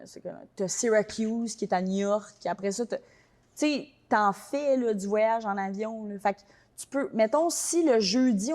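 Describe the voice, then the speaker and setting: A young woman with a Québécois accent talks quickly and loosely, packing her sentences with casual fillers. She sounds like an easygoing interview guest telling her story. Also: medium pitch. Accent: Québécois French. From Quebec. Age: young adult. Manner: quick, colloquial, many fillers like "genre" and "tu sais". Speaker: interview guest, soccer player.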